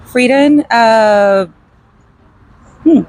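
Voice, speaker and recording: A woman from Guatemala, interviewed outdoors in front of a restaurant, answering in a halting, hesitant way with many pauses and fillers. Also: fairly high pitch, darkish tone, low-quality recording. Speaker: interview guest. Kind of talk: unscripted street interview.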